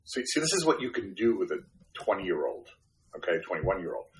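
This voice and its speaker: Appearing as a podcast guest, a fifty-something man from Brooklyn who grew up speaking Spanish recounts his life in a relaxed, self-mocking interview. He talks a little fast in a low voice with big pitch swings, chatting freely with fillers and false starts over poor audio.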